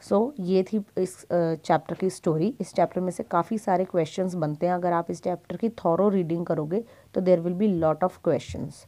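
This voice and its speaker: Woman, Indian accent, lowish mellow voice, explaining a story summary to students. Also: normal speed, hardly any pauses. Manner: explanatory, retelling a story with frequent asides. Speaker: teacher. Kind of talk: chapter summary lesson.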